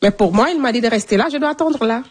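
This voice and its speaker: A woman's voice: fairly high pitch, fast talker. A young adult woman telling the interviewer her own story in a plain, conversational way, repeating phrases and using spoken fillers. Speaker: interviewee recounting her migration. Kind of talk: personal testimony in conversation.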